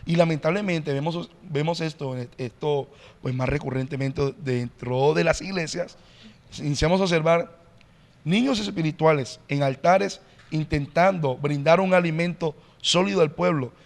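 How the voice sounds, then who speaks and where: Earnest higher-voiced male pastor. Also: normal speed, gravelly, long reverb tail. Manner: earnest, teacherly, frequent "eh" fillers. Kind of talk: podcast interview, preaching-like explanation.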